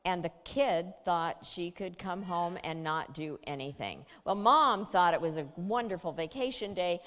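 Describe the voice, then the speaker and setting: A woman's voice: lowish voice, lively intonation, unhurried, a bit bright. A woman giving a talk and telling a story in a conversational way, with fillers and restarts. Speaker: speaker. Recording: long hall reverb.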